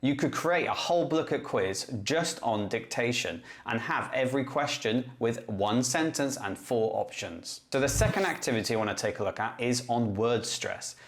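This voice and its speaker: A man in the role of an English teacher, walking through a tutorial one step at a time. His pitch sits in a middle range, and his delivery is clear and methodical. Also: lively intonation, moderate pace, hardly any pauses. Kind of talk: classroom-tech tutorial explanation.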